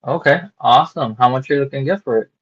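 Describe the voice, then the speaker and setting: A man cold-calling a homeowner about buying her house, talking casually and haltingly with lots of fillers and restarts, heard over a phone line. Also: mid-range voice, a bit bright, slightly rough. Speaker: real estate wholesaler cold-calling a seller. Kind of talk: casual sales phone call. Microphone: phone call. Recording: dull lo-fi call recording.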